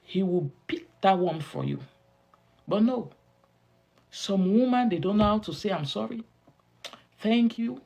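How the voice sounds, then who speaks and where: A woman's voice: mid-range voice, expressive, measured pace, gravelly, long pauses, mellow. A woman teaching in a sermon style, stressing points by repeating key phrases and stretching words in a preaching rhythm. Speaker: women's ministry teacher.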